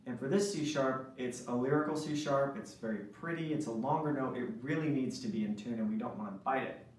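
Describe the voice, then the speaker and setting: Briskly and in a medium pitch, a man leads a saxophone lesson, laying it out step by step with regular "right?" check-ins. The sound echoes around the room because the mic is far from him.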